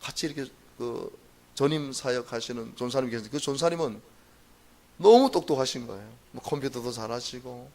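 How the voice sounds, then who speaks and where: A middle-aged man preaching at a dawn prayer service, telling his own story in an earnest, animated way with emphatic repeats. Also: mid-range voice, a little fast. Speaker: pastor. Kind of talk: dawn prayer sermon testimony.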